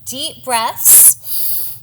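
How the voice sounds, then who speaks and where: A woman's voice: high voice, drawn-out words, a bit bright. A young woman leading a yoga class, giving encouraging breath-timed cues and sounding a little out of breath. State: slightly out of breath. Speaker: yoga instructor. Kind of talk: guided yoga class instruction.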